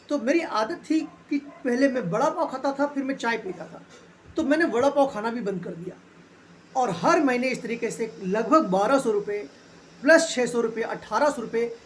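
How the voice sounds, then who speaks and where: A man's voice: very high-pitched, slight background noise. A man hosting a personal finance video, telling a personal story in a chatty, motivational way and mixing English phrases into his talk. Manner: addresses viewers as friends.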